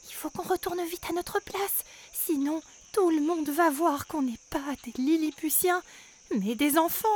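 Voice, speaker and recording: A shy, clever little girl from a storybook, voiced by a woman, hesitant and pleading. Her voice is high. Faint noise sits behind her. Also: measured pace.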